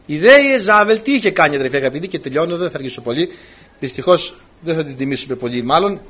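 A man's voice: on the high side, animated, a bit bright, husky. A man preaching a sermon, retelling old stories with animation and acting out the lines of the people in them.

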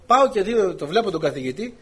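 Husky, animated male preacher. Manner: animated storytelling, voice climbing high when excited. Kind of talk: sermon with anecdote.

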